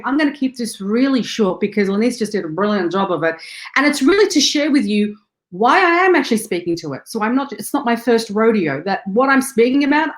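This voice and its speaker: A young adult woman from Afghanistan who now works in Australia gives an online training on speaking and sales. Her voice is on the high side with a roomy sound, and she delivers punchy, upbeat motivation full of rallying catchphrases.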